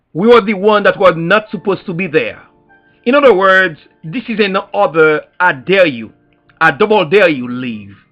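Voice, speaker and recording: A man with a high voice and a Haitian accent speaks as an activist, preaching to a crowd and hammering phrases with repetition and sharp rhetorical questions. Faint music sits under a dull, lo-fi recording.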